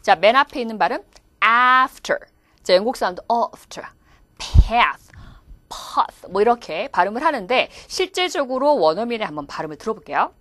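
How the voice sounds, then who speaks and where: A woman's voice: medium pitch, very animated, fast, few pauses, dry recording. A woman teaching English pronunciation in a video lecture, demonstrating words aloud as she explains.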